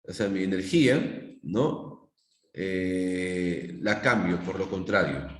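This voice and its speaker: A middle-aged man with a Peruvian Spanish accent teaches psychology in a live online class, speaking low and slowly. He relies on everyday examples and often checks whether students follow along, recorded in an echoey room.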